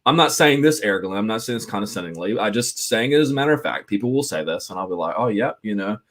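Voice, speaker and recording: A man with a fairly low voice co-hosts a casual discussion. He talks in an animated way and laughs often as he makes his points. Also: very fast. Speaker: podcast co-host.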